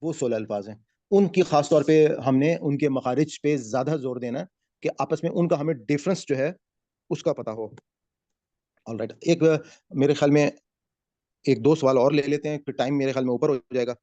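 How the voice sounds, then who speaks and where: A man teaching a Quran recitation class over a video call, explaining slowly and calling on students by name. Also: medium pitch, mellow, no echo. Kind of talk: online class teaching, mixing Urdu and English.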